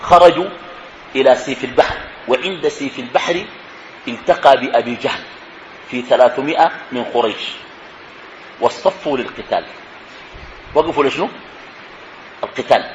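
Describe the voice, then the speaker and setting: A man's voice: fairly high pitch, fairly bright tone, slight background noise. A man teaching religious history, asking his listeners questions and then answering them himself. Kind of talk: lecture on prophetic history. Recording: echoey room.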